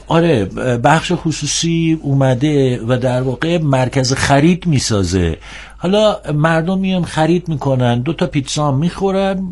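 A man speaking as a guest on a televised discussion show, earnest and critical, pausing often with drawn-out filler sounds. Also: medium pitch. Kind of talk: TV panel discussion.

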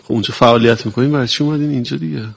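A man judging an audition, asking brisk, courteous questions. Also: medium pitch, gravelly, in a large hall. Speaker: audition judge. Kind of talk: audition interview.

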